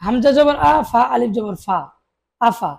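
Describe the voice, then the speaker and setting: Woman slowly spelling out Quran syllables. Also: a little high, gravelly, a little mellow. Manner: slow, drawn-out recitation of each syllable, with short explanations of rules. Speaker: Quran reading teacher. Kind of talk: spelling out Arabic syllables for students to repeat.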